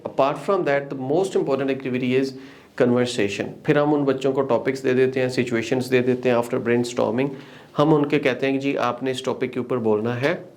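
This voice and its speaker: Man explaining language courses, mid-pitched. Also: a little mellow. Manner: explanatory, lists items, frequent "okay" checks; switches between Hindi-Urdu and English. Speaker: English institute teacher. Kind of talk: promotional course walkthrough.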